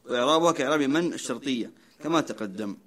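A man's voice: medium pitch, lively intonation, very fast, fairly bright tone. A man reading grammar text and verses aloud for his teacher, in a recitation tone.

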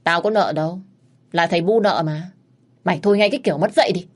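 A woman's voice: on the low side, fast talker, natural voice. A woman voicing a lazy, spineless husband who whines and defends himself. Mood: defensive.

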